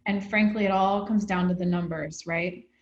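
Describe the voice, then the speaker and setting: A woman's voice: fairly low pitch, fairly even intonation, normal speed, roomy sound, lo-fi sound. A woman hosting an interview, talking in an earnest, reflective way. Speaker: host. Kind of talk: conversational interview.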